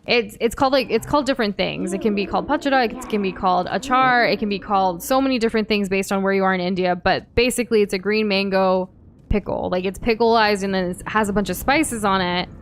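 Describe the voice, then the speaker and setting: This young woman from the United States talks fast in a medium-pitched voice while co-hosting a game stream. Her casual chat and reading of viewer comments come with plenty of fillers and restarts.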